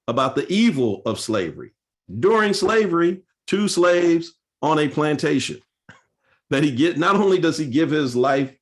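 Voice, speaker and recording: A man's voice: fairly high pitch, expressive, moderate pace. A male pastor speaking at a seminar, telling church history in an earnest, storytelling way with frequent fillers and restarts.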